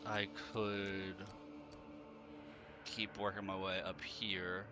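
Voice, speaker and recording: A man's voice: sits low, level tone, extremely slow. A man doing live gaming commentary as a stream host, thinking aloud. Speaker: livestream gamer host.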